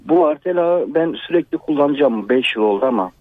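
A man's voice: fairly high pitch, expressive, quick pace, no room sound. A man calling in over a landline phone to a radio show, earnest and grateful as he asks his question. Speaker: caller. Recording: narrow phone-line sound.

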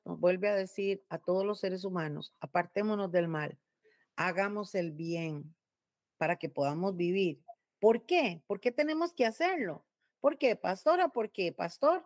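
A woman's voice: medium pitch, a little mellow, no room sound, studio quality. A middle-aged woman pastor with a Costa Rican accent, preaching emphatically at home. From Costa Rica. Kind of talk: home Bible teaching sermon.

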